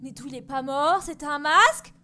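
A woman streaming horror games live, excitable and swearing, often breaking into screams. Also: high voice, moderate pace, a little hiss or hum. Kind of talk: live gaming stream commentary.

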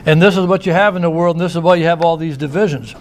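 A man's voice: fairly high pitch, fast talker. A man preaching a sermon in a church, conversational, with asides and restarts. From United States.

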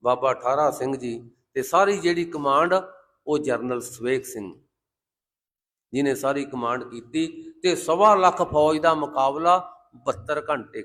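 A man preaching a Sikh sermon with passion, slowing down to intone lines of scripture. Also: a little high, a bit bright. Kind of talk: Gurbani sermon with sung scripture quotes.

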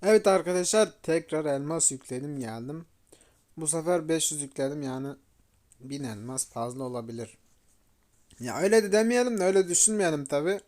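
A man's voice: fairly high pitch, lively intonation, a little fast. A man hosting a gaming channel, giving casual commentary, grumbling and pleading with the game in exasperation. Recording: loud background noise.

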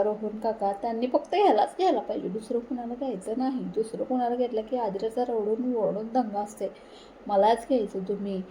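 A woman's voice: fairly high pitch, dark tone, slight background noise, rough recording. A young woman chatting casually at home in a homely daily vlog, talking straight to her viewers. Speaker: vlogger. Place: home, indoors. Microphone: phone held at hand.

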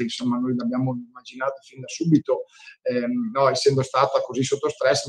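A man's voice: mid-range voice, a little mellow, rough recording. A middle-aged man with a Venetian Italian accent, an entrepreneur giving his view in a loose, rambling way and often repeating words as he looks for the next phrase. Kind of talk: casual spoken commentary.

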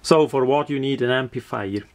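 A man's voice: mid-range voice, normal speed. A man from Switzerland with a Swiss accent gives an unscripted product demonstration, searching for words and often repeating them. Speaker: product reviewer.

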